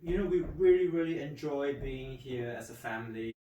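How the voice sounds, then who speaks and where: Halting man, roomy distant sound. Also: mid-range voice, animated, muffled recording. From Malaysia. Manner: warm, halting, many um fillers. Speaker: emergency doctor. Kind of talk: speaking to camera about his work. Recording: roomy, distant mic, faint hiss.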